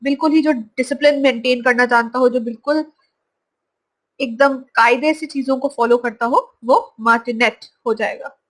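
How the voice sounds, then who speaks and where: High-voiced woman teaching vocabulary. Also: a bit bright, poor audio. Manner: slow, drawn-out pronunciation of each word, repeated. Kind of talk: slide-based vocabulary lesson.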